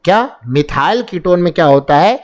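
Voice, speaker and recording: A man's voice: high voice, animated, moderate pace. A man teaching an exam-prep chemistry lesson. He asks himself questions and answers them, repeating the key terms as he goes.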